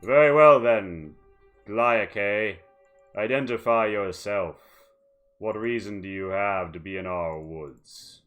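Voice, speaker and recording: Old male forest guardian, tabletop fantasy, played by a man: low, unhurried, pompous, suspicious, formal. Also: a bit bright, clean tone, highs cut off, soft background music. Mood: stern, suspicious. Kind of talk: tabletop role-play in character.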